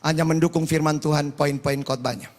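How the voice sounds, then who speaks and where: A man preaching a sermon, moving between shouted proclamation and quiet personal storytelling. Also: on the high side, fairly even intonation, fairly quick.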